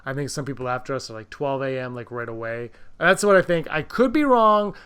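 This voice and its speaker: A man's voice: medium pitch, animated, fairly quick, fairly bright tone, clear, resonant tone. A man hosting a podcast in casual chat, talkative and wryly joking. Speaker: podcast host.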